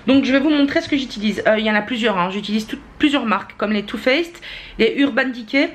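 This young vlogger talks fast in a highish voice, chatting casually to camera at home, full of fillers and self-deprecating laughter. Her partner holds the handheld camera mic indoors.

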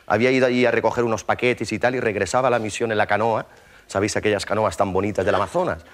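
A man with a somewhat low voice tells a long comic story from a theater stage. He talks to the audience in a loose, conversational way, often tagging his sentences with questions. He breaks into mouth sound effects as he goes. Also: steady tone, racing. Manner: conversational, with frequent tag questions. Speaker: stand-up comedian.

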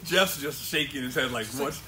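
Bright-voiced joking man co-host. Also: fairly high pitch, animated, normal speed, faint music behind. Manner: joking, self-mocking storyteller. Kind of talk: casual live-stream chat.

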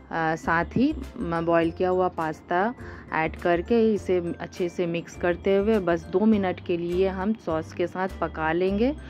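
Woman, cooking-channel host; low, warm voice-over, calm and instructional, faint music behind. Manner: calm step-by-step instruction with hesitations.

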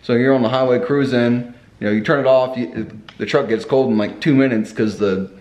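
A young man who vlogs about cars chats casually in his home kitchen, rambling along with a slight lisp from his braces. His medium-pitched, darkish voice is steady and fairly quick, picked up by a camera at arm's length or on the table.

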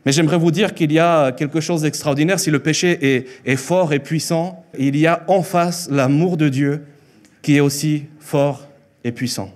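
A man in his thirties, Mexican-born with Spanish as his first language, preaches earnestly into a handheld mic in a church hall. His voice runs on the high side. Key lines come more slowly, and phrases are repeated for emphasis.

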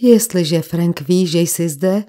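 Angry young woman, ironic, insistent, read by a woman narrator, mellow voice, detective audiobook. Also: lowish voice, close to an everyday voice.

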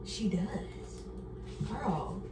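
Her mid-range voice has lively intonation and drawn-out words as this woman in her early twenties, a cooking vlogger, talks candidly and slangily to viewers over the stove. The camera rests on the counter a few feet away in her home kitchen, giving a roomy, distant sound with noise behind it.

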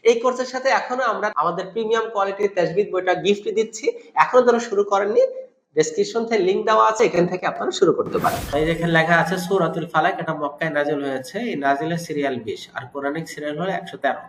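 A man teaching Quran recitation, patiently explaining and slowly repeating each sound to demonstrate it. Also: high voice, a little hiss or hum. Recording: roomy echo.

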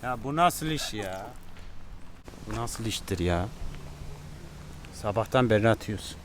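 A man's voice: on the low side, lively intonation, measured pace. A man vlogging outdoors, bantering casually and commenting to the camera. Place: outdoors near running water. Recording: noisy outdoor camera recording.

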